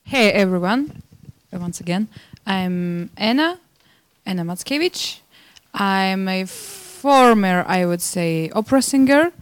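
A woman from Belarus, introducing herself haltingly on a live panel. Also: medium pitch, lively intonation, clean tone, dry recording. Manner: halting, frequent pauses. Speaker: panelist, artist and activist.

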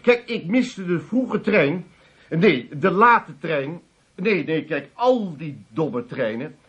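Paul, a tipsy chuckling husband. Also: male voice, on the high side, animated, takes it slowly, fairly bright tone, husky, lo-fi sound, heavily acted. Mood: sheepish. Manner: bluffing, chuckling, flustered. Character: jovial tipsy husband coming home late. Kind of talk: studio radio play acting.

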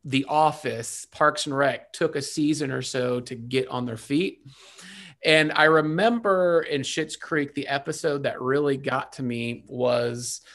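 A man's voice: mid-range voice, fairly bright tone. A man co-hosting a casual chat, talking enthusiastically and rambling a little. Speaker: co-host.

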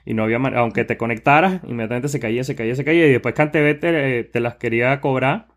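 A man's voice: medium pitch, quick pace. A man with a Venezuelan accent, a panelist on a casual podcast, recalling old places with many hesitations. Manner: hesitant, many fillers and restarts while recalling. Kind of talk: casual tech podcast chat.

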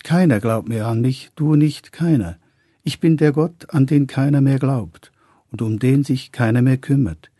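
An actor playing an old, feeble, tearful God in a radio play who speaks in a plaintive, pleading way. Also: male voice, mid-range voice, measured pace, dark tone, husky, dry recording, clean studio sound.

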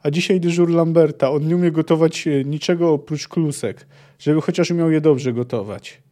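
A man reading a book aloud and voicing a calm, sardonic male swordsman who teaches a girl. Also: on the high side, normal speed, close to an everyday voice. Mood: wry.

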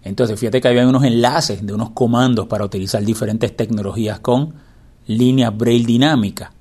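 A man with a medium-pitched voice gives a hands-on software lesson. He explains step by step in a patient instructor's manner, repeating the important parts. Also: fairly even intonation, a little fast, slightly rough. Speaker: instructor demonstrating a screen reader. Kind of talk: spoken step-by-step tutorial.

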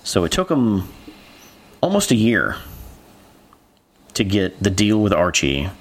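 A man with a deep, low voice talks on a podcast in a lively, up-and-down way. He jokes around and then works through dates and details. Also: takes it slowly. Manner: animated, jokey, reads out dates. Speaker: podcast co-host. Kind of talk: casual chat about comics.

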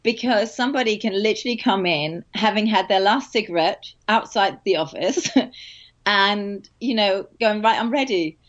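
A woman with a slight Danish accent talks reflectively as an interview guest, with fillers along the way. Her voice sits at an ordinary pitch and comes through dull, lo-fi audio. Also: normal speed. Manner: warm, reflective, with light laughs and fillers. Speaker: guest, hypnotherapist and meditation teacher. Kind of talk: casual interview conversation.

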